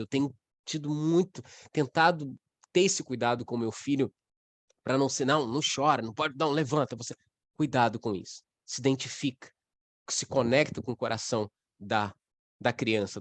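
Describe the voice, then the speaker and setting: A man's voice: mid-range voice, dry recording. A young adult man with a Brazilian Portuguese accent, leading an online class over a video call, talking casually and acting out what parents and coaches say. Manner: conversational, acts out parent and child lines. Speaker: coaching course instructor. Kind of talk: online class mentoring session.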